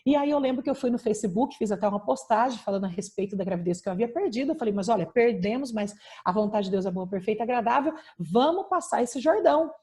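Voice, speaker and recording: A woman's voice: on the high side, lively intonation, quick pace, hardly any pauses, dark tone. A woman pastor with a Brazilian Portuguese accent, preaching and giving a personal testimony over a video call, emphatic, with frequent tag questions.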